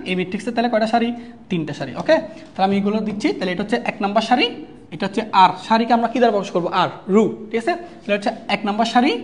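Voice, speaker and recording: Brisk Bangladeshi woman teaching math. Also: mid-range voice. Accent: Bangladeshi Bengali. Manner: asks the class questions and answers them herself, checks understanding often; dictates notes slowly and repeats key terms. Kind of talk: online math lecture for exam students.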